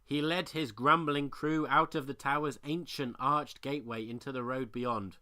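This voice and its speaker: A narrator reading a comic children's storybook aloud with lively, acted-out narration. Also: mid-range voice, normal speed.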